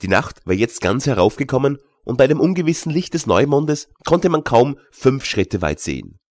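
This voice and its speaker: A man narrating a classic audiobook tale in a measured storytelling manner, recorded in a studio. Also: mid-range voice, sing-song, a little mellow, no echo. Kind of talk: scripted narration.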